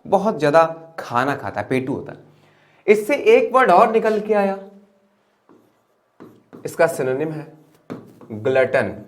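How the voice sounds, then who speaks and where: A young man with an Indian English accent teaching vocabulary with memory tricks. He talks in lively swings between high emphatic lines and low murmured asides. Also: takes it slowly, pauses often.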